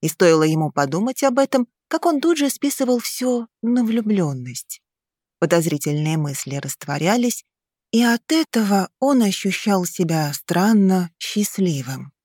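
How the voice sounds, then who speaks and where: A woman narrating a fantasy novel in a slow, measured audiobook reading on a close mic. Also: medium pitch, lively intonation, a little mellow, no room sound.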